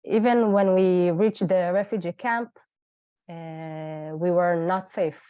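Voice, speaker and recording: A woman in her thirties from Ethiopia, feeling unwell, telling her own story as a webinar guest in an earnest way, with many pauses and fillers. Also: lowish voice, steady tone, smooth, dry recording, muffled recording. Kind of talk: personal testimony.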